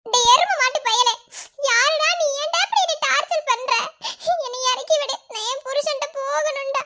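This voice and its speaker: A woman's voice: very high voice, moderate pace, sharp tone. A woman voicing a feisty, scolding young kidnapped wife in a combative, melodramatic comic story.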